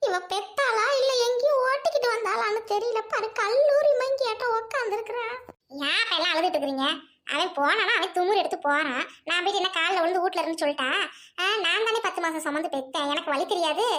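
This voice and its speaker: Woman as a taunting mother-in-law, very high voice, scolding, bitter, family drama. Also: fast talker, fairly bright tone. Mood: scornful. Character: sharp-tongued scheming middle-aged mother-in-law.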